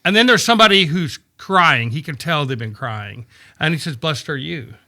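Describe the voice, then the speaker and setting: A man explaining scripture in a casual podcast chat, animated and storytelling, often checking in with "right?". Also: fairly high pitch, normal speed. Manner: animated storytelling, acts out quoted voices, frequent "right?" checks. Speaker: podcast guest discussing scripture. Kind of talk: casual conversational Bible teaching.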